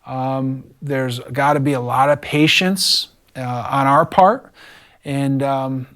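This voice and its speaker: A middle-aged man, a teacher, telling a story from his classroom in a relaxed interview and acting out the lines of the people in it. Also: medium pitch, slow. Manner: animated, acts out quoted dialogue.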